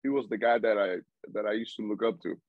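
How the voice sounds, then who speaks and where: A man's voice: on the low side, fast, no room sound, phone-quality sound. A young man from Cuba, a baseball player chatting as an interview guest, rambling with restarts. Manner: rambling with frequent restarts and laughs. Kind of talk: casual interview chat.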